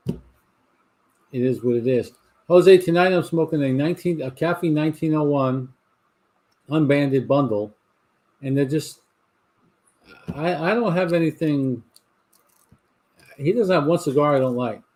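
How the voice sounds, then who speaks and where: A man's voice: medium pitch, measured pace, long pauses, a little mellow. A man, hosting a live cigar talk show from his garage and telling rambling stories with lots of restarts. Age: 60s. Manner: rambling storyteller with frequent restarts. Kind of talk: casual chat to a live audience. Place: home garage.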